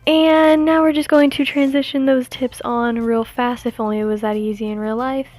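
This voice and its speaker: A young woman with a Southern US accent, narrating her nail tutorial in a chatty, self-mocking way. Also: a little high. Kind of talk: casual voice-over narration.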